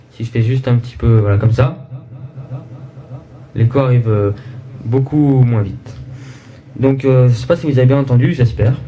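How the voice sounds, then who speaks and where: A man's voice: medium pitch, mellow, dull audio, slight background noise. Hesitant man demoing a mixer. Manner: hesitant, many filler sounds. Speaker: YouTuber demonstrating a mixing desk. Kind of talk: casual product demonstration. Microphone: desk microphone plugged into the mixer.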